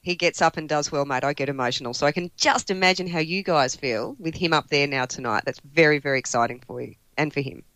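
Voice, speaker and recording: A woman's voice: low-pitched, quick pace, hardly any pauses, fairly bright tone, no echo. A woman with an Australian accent, chatting in a matey, casual way as a breakfast radio co-host. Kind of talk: casual radio interview chat.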